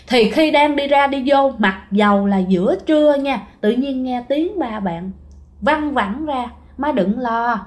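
A woman telling ghost stories in a chatty way, often speaking straight to her listeners. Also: fairly high pitch. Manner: chatty, keeps addressing listeners directly. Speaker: ghost story narrator. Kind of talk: casual spoken storytelling.

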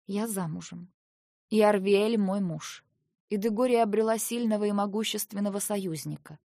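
A woman's voice: mid-range voice, creaky, dry recording. Woman reading an audiobook, dry and close. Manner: expressive, dramatic reading. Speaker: audiobook narrator. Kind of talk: scripted first-person narration.

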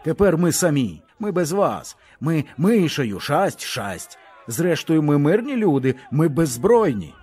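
A man's voice: on the high side, sing-song, a little slow, few pauses, a little mellow, husky, pitched above the performer's own voice, exaggerated voice. A man doing panicky ragged soldiers. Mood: frightened. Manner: nervous, stammering. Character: frightened ragged retreating male soldiers, hysterical.

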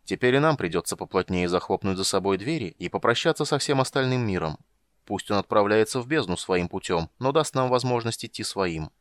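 A proud, hot-tempered dwarf king growls and snaps in a dry, close audiobook read, a man doing the voice. His voice sits very low and gruff. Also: lively intonation, fairly quick, no echo, lightly acted. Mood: brooding. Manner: gruff, bursts into shouting.

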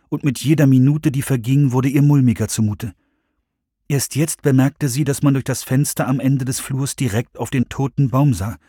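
Male audiobook narrator, husky, calm and measured, dry sound. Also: mid-range voice, no echo. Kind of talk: scripted narration.

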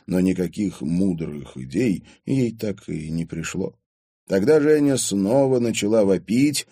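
Male audiobook narrator, low and husky, dramatic read, very dry recording. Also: dark tone, no echo. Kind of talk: scripted narration.

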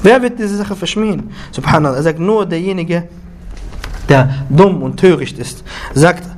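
A man delivers a Friday sermon as lively storytelling. His voice sits high for a man, and he keeps circling back, repeating and restarting phrases. Arabic devotional words punctuate his speech, with a faint hiss behind him. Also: moderate pace. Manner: weaves Arabic religious phrases into German speech. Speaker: preacher.

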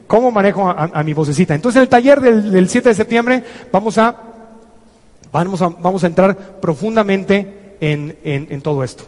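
High-voiced motivational speaker. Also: male voice, moderate pace. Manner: energetic, coaxing, acts out scenes. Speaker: business seminar speaker. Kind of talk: motivational seminar talk. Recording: echoey hall reverb.

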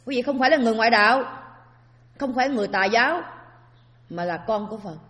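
A woman's voice: a little high, lively intonation, fast, fairly bright tone. A woman giving a Buddhist Dharma talk as a sermon, often asking her listeners rhetorical questions. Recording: long hall reverb.

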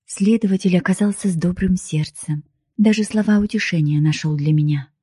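A woman narrates an emotional first-person audiobook in a heartfelt, pleading way. Her voice is somewhat low, dark and husky, recorded dry and close. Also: brisk, no room sound. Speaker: audiobook reader.

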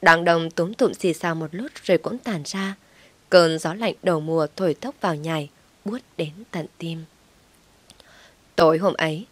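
Woman narrating a story, low dry voice. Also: no room sound. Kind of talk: scripted audio-story narration.

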